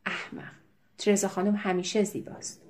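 A gruff middle-aged farm boss, as a woman narrator puts him on talks in blunt, loud lines pitched a little above her reading voice. The tone stays mellow and rounded rather than harsh, fitting an audiobook scene. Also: flat delivery, natural voice. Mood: scolding.

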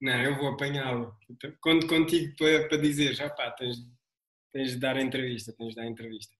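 A man's voice: mid-range voice, fairly even intonation, fast talker, a bit bright, roomy sound. A man with a European Portuguese accent hosting an interview, asking questions in a teasing, joking way. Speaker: podcast host. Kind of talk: casual interview chat.

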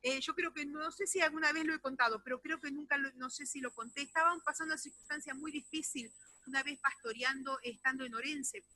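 High, bright-voiced woman pastor preaching. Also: fairly even intonation, brisk, dry recording, low-quality recording. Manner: emotive, swinging from loud exclamations to hushed near-whispers; addresses the congregation directly and often. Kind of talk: sermon.

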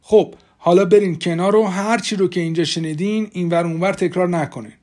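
A man voicing a calm, methodical small-town sheriff in an audiobook, matter-of-fact in his speech. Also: sits high, voice pushed up, close to an everyday voice.

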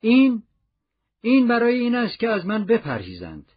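Guy putting on a shaky old gardener, fussy and chatty, high husky voice, kinda muffled recording. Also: wildly swooping pitch, full character voice. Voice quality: trembling voice. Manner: exclaiming, rapid questions. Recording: dull lo-fi audiobook recording.

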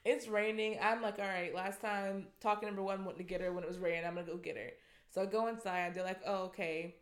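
A woman co-hosting a casual chat, telling stories in a profane, animated way and laughing as she goes. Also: mid-range voice, fast. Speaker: podcast co-host. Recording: echoey room.

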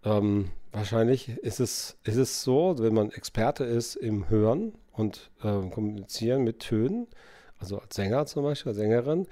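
A man's voice: on the low side, warm tone. A man hosting a podcast alone, thinking aloud in a musing way with many hesitations and fillers. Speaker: podcast host. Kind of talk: reflective solo podcast talk.

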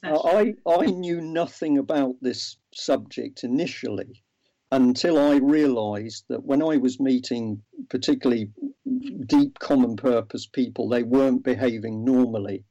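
A man's voice: mid-range voice, unhurried, dark tone. A man, a guest in an interview, explaining earnestly with many ums and restarts. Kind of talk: interview over a remote line. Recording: dull lo-fi audio.

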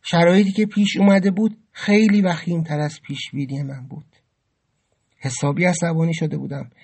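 A man's voice: a little high, steady tone, a little mellow, husky. A man narrating his own story in the first person in an emotive, dramatic way. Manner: emotive, dramatic, rising with anger.

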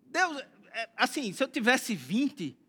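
Very high-voiced Brazilian pastor preaching. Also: male voice, takes it slowly, slightly rough. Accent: Brazilian Portuguese. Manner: animated, acts out quotes in other voices; rises to shouting at climaxes. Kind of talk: sermon.

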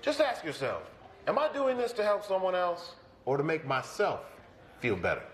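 A man's voice: sits high, big pitch swings, moderate pace, roomy sound. A man making a mock-official plea to shoppers over a store intercom. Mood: mock formal. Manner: mock-official announcement, pleading. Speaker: store employee.

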